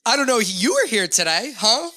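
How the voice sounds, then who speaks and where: A woman's voice: on the high side, very animated, normal speed, sharp tone. A young woman co-hosting a casual podcast chat, asking questions and joking along. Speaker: podcast co-host.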